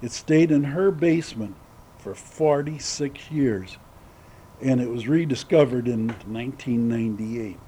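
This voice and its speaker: An older man giving unscripted spoken notes about an archival band recording, in a halting, deliberate way with long pauses, on a home cassette. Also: mid-range voice, mellow, a little hiss or hum, poor audio.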